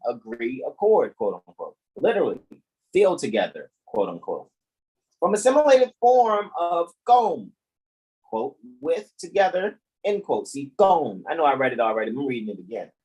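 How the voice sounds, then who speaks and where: A man hosts a casual talk in a rough, husky voice. His pitch moves around a lot as he reads out definitions with emphasis, breaking off to comment and check in. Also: a little mellow, rough recording. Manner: emphatic, says quote and end quote, checks with "right?". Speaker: host.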